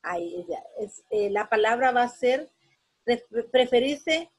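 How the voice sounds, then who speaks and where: Husky-voiced woman teaching a lesson. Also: a little high, expressive, a little slow. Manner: rambling, frequent "¿verdad?" tag and restarts. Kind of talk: spoken lesson to students.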